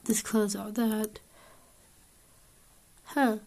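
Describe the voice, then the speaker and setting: A woman's voice: mid-range voice, little pitch movement, very slow, a little mellow. A woman commentating on her survival game as she plays, puzzled and grumbling to herself about how things work. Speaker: gamer. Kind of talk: gameplay commentary.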